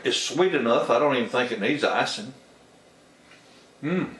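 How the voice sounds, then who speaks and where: In a home baking vlog, an older man with a mid-range, slightly bright voice shows how he makes a cake, animated and at a moderate pace. His manner is folksy and homespun, with appreciative hums, and the roomy kitchen adds faint ambience.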